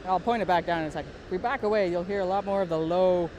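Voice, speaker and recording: A man's voice: high-pitched, flat delivery, racing, dull audio. A man narrating a travel vlog casually and a little hesitantly, as if thinking aloud. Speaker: vlogger and field sound recordist. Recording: noisy outdoor field recording.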